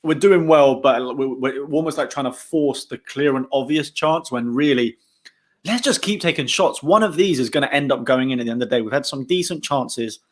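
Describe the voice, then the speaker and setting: A young man from England hosting a live football watchalong, chatting casually and getting excited about the game. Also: medium pitch, normal speed. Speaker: channel host.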